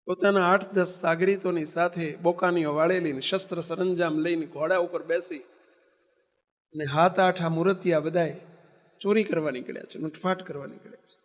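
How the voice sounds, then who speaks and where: A man's voice: fairly high pitch, steady tone, normal speed. A man preaching, telling a story in an emphatic sermon manner and throwing rhetorical questions at his listeners. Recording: long hall reverb.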